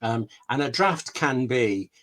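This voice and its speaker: This scriptwriter guest answers questions over a video call from a book-filled room at home, chatting easily, sharing anecdotes, and musing aloud with asides and self-directed questions. His medium-pitched voice has lively intonation, a slow pace, and a fairly bright tone.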